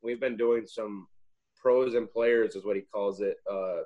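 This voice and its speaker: A young man, a former college pitcher, telling long, rambling stories in a casual interview and often correcting himself mid-sentence. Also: fairly even intonation, unhurried, lo-fi sound. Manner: rambling, self-correcting anecdotes.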